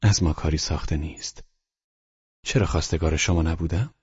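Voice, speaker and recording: A man reading the part of a calm, earnest older doctor who speaks softly and often in a whisper. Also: rumbling low, exaggerated voice. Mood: hushed, tender. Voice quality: husky. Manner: soft, hushed, often whispered. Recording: dull lo-fi recording.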